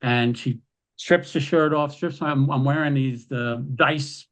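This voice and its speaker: A man telling wrestling stories as a podcast guest, animated and acting out quoted lines. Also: mid-range voice, unhurried. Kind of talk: casual storytelling.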